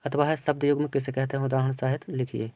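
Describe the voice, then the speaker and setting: A male teacher working through an exam paper, reading each question aloud and then giving its answer in a plain, steady way. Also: medium pitch, fast talker, no room sound. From India.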